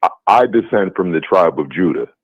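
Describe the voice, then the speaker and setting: A caller on a call-in debate show argues firmly and insistently, talking over the host in a deep, animated voice at a moderate pace. The sound is a tinny phone line with no room sound.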